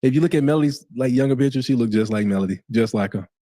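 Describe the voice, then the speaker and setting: Interview guest: a man, quick but halting, repeats himself. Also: mid-range voice, warm tone. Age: 40s. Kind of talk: interview answers.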